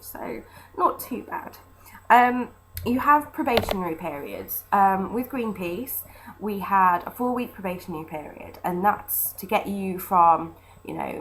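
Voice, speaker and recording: A woman's voice: fairly low pitch, poor audio. A British woman talking informally about her own experiences in a chatty, conversational way, thinking aloud as she goes. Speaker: former street fundraiser. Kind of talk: casual informal monologue about personal work experience. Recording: noticeable background noise.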